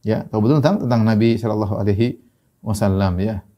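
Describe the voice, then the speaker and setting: Male preacher, warm mellow tone, animated storyteller, recites Arabic lines. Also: lowish voice, fast. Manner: animated retelling, frequent fillers and chuckles. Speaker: Islamic preacher. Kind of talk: storytelling sermon.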